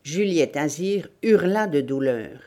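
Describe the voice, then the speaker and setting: A woman narrating a novel as an audiobook, in a measured, deliberate reading. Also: low voice, lively intonation, darkish tone. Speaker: audiobook reader.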